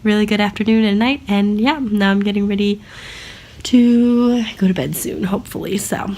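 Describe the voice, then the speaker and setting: A woman's voice: medium pitch, moderate pace, darkish tone. A young American woman in her twenties, chatting casually in a vlog with lots of fillers and laughs. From United States. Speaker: vlogger and language assistant at a school. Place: outdoors in a park.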